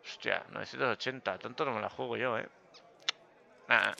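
Man, poker gameplay commentary, self-mocking, gravelly voice, slightly muffled recording. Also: mid-range voice, normal speed. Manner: joking, self-mocking, bursts of loud excitement. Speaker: gaming youtuber.

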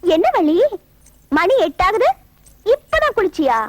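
A woman's voice: very high-pitched, sing-song, measured pace, no echo. A woman speaking film comedy dialogue in a teasing, scolding way.

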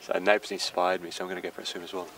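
A man's voice: sits low, little pitch movement, very fast. A man hosting a sailing vlog, narrating casually and explaining things from the deck of a sailboat. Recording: outdoor wind and water noise.

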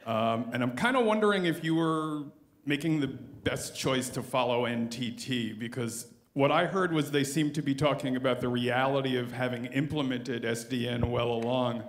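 A man's voice: medium pitch, normal speed. Journalist guy in the crowd at a conference, mid voice, self-deprecating jokes, lots of ums. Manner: self-deprecating, joking, hesitant. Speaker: journalist asking a question. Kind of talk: audience question at a conference. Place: large conference hall.

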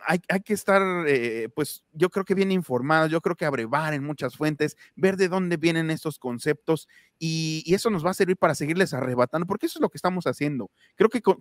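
Mexican guy on a political panel show, kinda high voice, keeps restarting his sentences, dry close mic. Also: clear, resonant tone, dry recording. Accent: Mexican Spanish. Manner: halting, many restarts and repeated words. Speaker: political commentator on an online show. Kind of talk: casual panel commentary.

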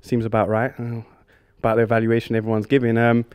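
A man's voice: medium pitch, fast, smooth, dry recording, close to an everyday voice. A man playing a dry, mocking male TV sports reporter in a spoof post-match interview. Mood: deadpan. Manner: deadpan mock interview questions.

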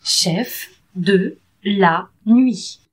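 A woman doing a sharp-tongued little mouse. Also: medium pitch, expressive, moderate pace, husky. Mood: cautious. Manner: blunt and cutting. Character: small yellow female mouse, bold and sharp-tongued.

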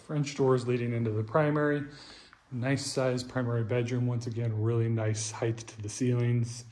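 Walking through a big, vacant house that's on the market, this agent narrates casually and cheerfully, calling attention to features as he goes. He speaks in a mid-range, slightly mellow voice with little pitch movement at a moderate pace, and the rooms sound echoey with faint background noise.

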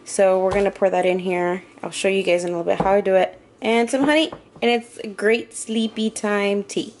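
A woman's voice: medium pitch, fairly even intonation, moderate pace, background noise. Chatty woman vlogging in her kitchen. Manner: chatty, hesitant, stops to correct herself. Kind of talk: casual meal-prep vlog narration. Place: home kitchen, indoors.

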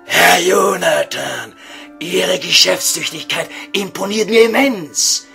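Here is a pompous, evasive vampire count from a comedy audio sketch. He speaks ornate standard German in a heavily creaking voice, raised in pitch. The delivery is drawn-out and sharp-edged. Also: soft background music, full character voice. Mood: haughty. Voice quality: gravelly, creaky.

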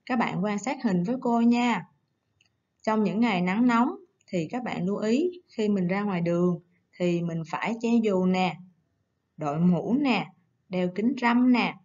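A woman teacher giving a recorded lesson to young children, coaxing and gentle, slowing down to read words aloud. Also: medium pitch, muffled recording. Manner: gentle, coaxing, slow syllable-by-syllable dictation. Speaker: primary school teacher.

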